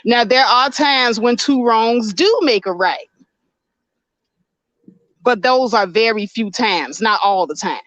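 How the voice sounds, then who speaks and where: A woman livestreamer with a powerful, somewhat high and expressive voice speaks slowly and pauses often, bluntly arguing her position and reading her chat aloud in casual commentary. Her voice is a bit bright, and the recording has no room sound but cuts off the highs.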